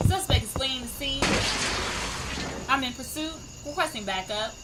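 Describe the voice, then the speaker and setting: A woman's voice: sits high, normal speed. A woman playing a female police officer giving clipped, procedural call-outs over her police radio. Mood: matter-of-fact. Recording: distant mic outdoors, loud crickets and vehicle noise.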